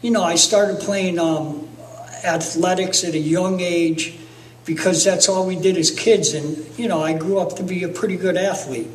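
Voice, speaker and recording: A man's voice: sits high, steady tone, moderate pace, reverberant, far from the mic, a little hiss or hum, low-quality recording. A man in his fifties from Connecticut, telling his own life story plainly in a documentary interview. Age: 50s. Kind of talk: documentary testimony.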